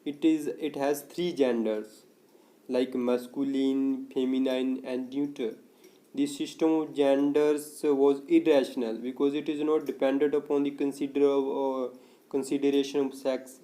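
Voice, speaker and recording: Hesitant man lecturing with a mellow voice. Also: mid-range voice, little pitch movement, measured pace. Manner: hesitant, many "uh" fillers, repeats points in simpler words. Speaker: literature teacher. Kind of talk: spoken lecture explaining course notes.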